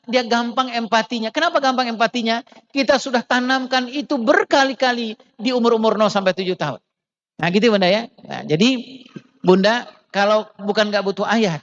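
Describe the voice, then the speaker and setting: A man giving a conversational religious parenting talk, chatting straight at the mothers in his audience and often adding little tag phrases to keep them with him. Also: high voice. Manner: softens into gentle acted quotes to children. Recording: dull lo-fi recording.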